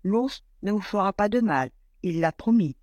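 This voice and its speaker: A man voicing a kind mother who gently reassures her two daughters in a read-aloud fairy tale. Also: high-pitched, lively intonation, normal speed, dry recording, studio quality, voice pushed up. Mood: gentle.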